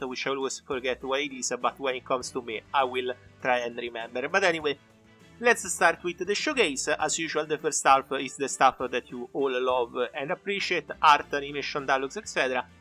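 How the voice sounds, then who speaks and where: A man's voice: medium pitch, pushed and bright. A man hosting a gaming video, giving casual showcase commentary.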